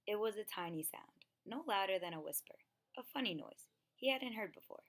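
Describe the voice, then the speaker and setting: Reading a children's picture book aloud, a woman with a medium-pitched voice tells the story expressively and deliberately. Background noise and clicks are noticeable in the audio.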